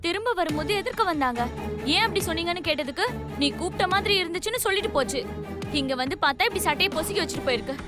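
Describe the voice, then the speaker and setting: A young actress playing an earnest young woman in a TV serial, speaking softly and sincerely. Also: very high-pitched, lively intonation, very fast. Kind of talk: TV serial acting. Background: music.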